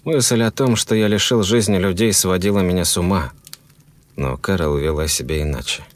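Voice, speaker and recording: A man with a low, grave voice tells a first-person horror story in measured, steady narration. The sound is close and completely dry, with no room around it. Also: no room sound.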